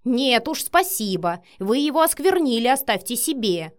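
A blunt, sharp-tongued young woman who snaps back and raises her voice, as a woman reads her in an audiobook. Her pitch sits a little high. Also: lively intonation, moderate pace, close to an everyday voice. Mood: snapping. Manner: snapping, sarcastic, loud. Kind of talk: audiobook character reading.

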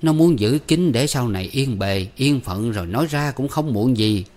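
A scolding middle-aged village mother, as a male storyteller puts her on, high-pitched and loud. She nags and chides in quick, sharp bursts. It sounds like a storybook reading. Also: animated, lightly acted. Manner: nagging, scolding.

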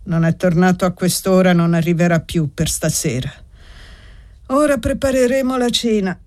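A reader voicing Rachele, a gentle older woman of a fallen noble family, in an audiobook reading with soft, slow, measured speech. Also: mid-range voice, natural voice. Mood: calm.

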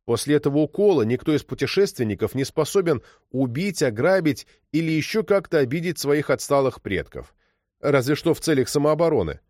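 Expressive male audiobook narrator. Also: fairly high pitch, brisk, no room sound, studio quality. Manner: expressive, storytelling. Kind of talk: audiobook reading.

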